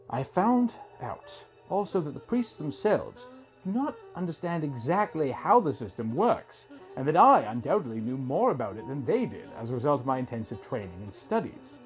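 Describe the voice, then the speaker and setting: A man with a fairly high voice reads a scripted first-person story as a dramatic narrator, delivering it in a theatrical, deliberate manner.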